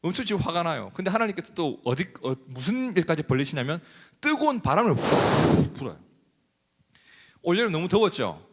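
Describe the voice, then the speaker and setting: A male pastor delivering a sermon in a church, animated and asking the congregation questions. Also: a little high, brisk, long reverb tail.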